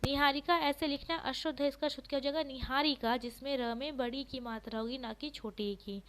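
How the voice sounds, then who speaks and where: Female tutor, high pitch, drilling style, repeats answers slowly for exam prep. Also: fairly even intonation, fairly bright tone, a little hiss or hum, poor audio. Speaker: teacher. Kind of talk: exam-prep spelling lesson.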